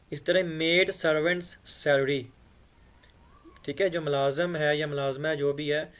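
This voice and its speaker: Patient male grammar teacher at a board. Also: a little high. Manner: patient, repeats "ठीक है" often. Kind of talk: explanatory board lesson.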